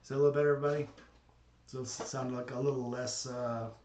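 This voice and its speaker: A man's voice: medium pitch, fast, a little hiss or hum. A man hosting a casual livestream, chatting loosely with viewers while testing his gear, his voice carrying an echoey empty-room reverb from a desk mic in a home studio. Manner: relaxed, rambling, chatty with viewers. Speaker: livestream host. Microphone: desk microphone. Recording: roomy reverb on the voice.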